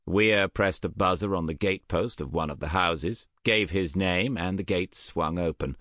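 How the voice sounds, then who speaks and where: A man narrating an audiobook with a measured, even storytelling delivery. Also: sits low, no room sound, clean studio sound.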